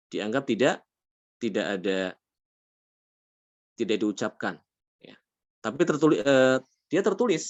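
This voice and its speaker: Male tajweed teacher, patient, asks the class questions, mid pitch, muffled dry recording. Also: dry recording. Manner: draws out Arabic words slowly. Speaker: Quran recitation teacher. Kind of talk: tajweed lesson.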